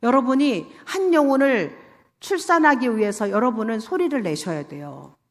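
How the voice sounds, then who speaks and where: A pastor's wife giving a lively sermon testimony in a church, acting out her own quoted words as she tells the story. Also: on the high side, moderate pace. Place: church sanctuary. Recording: church hall reverb, livestream.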